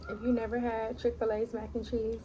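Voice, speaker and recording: A woman's voice: on the high side, brisk. A woman vlogger chatting casually and slangily while eating on camera. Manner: relaxed, slangy, talks between bites. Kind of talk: casual mukbang eating chat. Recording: dull lo-fi recording with noise.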